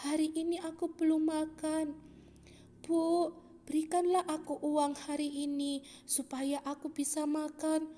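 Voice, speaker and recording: A woman voicing a blind male beggar, pleading and calling out in loud, high cries in a children's Bible story. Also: little pitch movement, measured pace, big-room sound.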